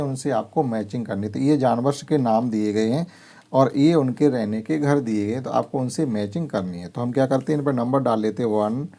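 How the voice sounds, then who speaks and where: Gravelly, dark-voiced teacher. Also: male voice, mid-range voice. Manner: explains English words in Hindi, slow deliberate reading of English sentences. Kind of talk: workbook lesson explanation.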